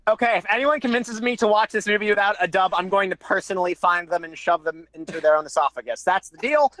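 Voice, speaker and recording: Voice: medium pitch, quick pace, a bit bright, no echo, natural voice. A voice actor playing a weary, ranting bird sports commentator in an improvised cartoon fandub. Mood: disgusted. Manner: exasperated, pleading, swearing.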